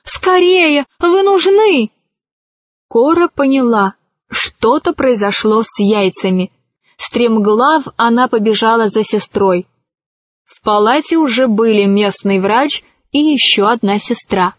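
A woman narrating a storybook in a measured, storytelling manner. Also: on the high side, no echo. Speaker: audiobook narrator. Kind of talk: scripted narration.

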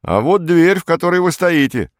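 A man voicing a hefty, mocking shop salesman who speaks loudly. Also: on the high side, lively intonation, moderate pace, no echo, studio quality, voice pushed up, lightly acted.

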